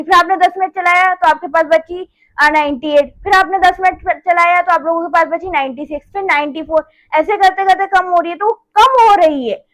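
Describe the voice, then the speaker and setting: With an extremely high and slightly bright voice, a woman teaches maths in a casual, talkative style. She goes over every step again with "theek hai" and checks in often. Audio quality is poor.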